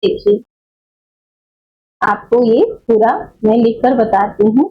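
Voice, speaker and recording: A woman teaching a Hindi grammar lesson, explaining slowly and deliberately and correcting common mistakes. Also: a little high, fairly even intonation, lo-fi sound. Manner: slow, deliberate explaining with repeated checks; corrective, scolding about wrong teaching. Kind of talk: exam-prep grammar lesson.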